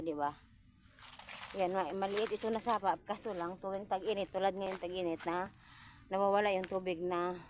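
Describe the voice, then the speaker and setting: Cebuano-speaking woman vlogging in the forest, out of breath, mid-pitched, lots of outdoor noise. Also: a little mellow. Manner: chatty, points things out to viewers. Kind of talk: casual vlog narration. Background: outdoor rural ambience.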